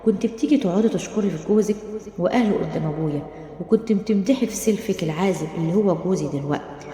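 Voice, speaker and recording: A woman's voice: on the low side, warm tone, close to an everyday voice. A woman with an Egyptian accent voicing a frightened, weepy young wife in a roomy, echoing recording. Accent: Egyptian Arabic. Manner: pleading, weepy. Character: frightened tearful young wife, unhappy in marriage. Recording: roomy, long reverb.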